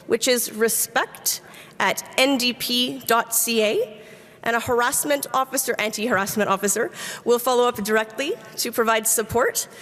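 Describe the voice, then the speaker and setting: A woman's voice: sits high, fairly bright tone. A woman with an English-speaking accent in French, co-chairing a convention and reading policy in English and French with small stumbles. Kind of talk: bilingual chairing and announcements. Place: large convention hall. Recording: long reverb of a large hall.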